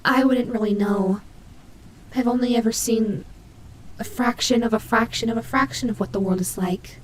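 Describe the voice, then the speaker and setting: A woman voicing a tsundere nightmare animatronic rabbit, gruff but protective, in an intimate, hesitant roleplay audio drama style. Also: a little high, fairly even intonation, a little hiss or hum, lightly acted, low-quality recording. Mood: gentle, reassuring. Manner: hesitant, halting, flustered tsundere softness.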